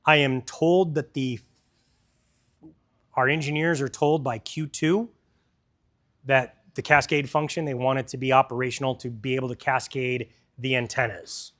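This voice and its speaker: A man's voice: mid-range voice, steady tone, normal speed, a bit bright. A man presenting a product in a store demo, talking casually and explaining technical details to a crowd.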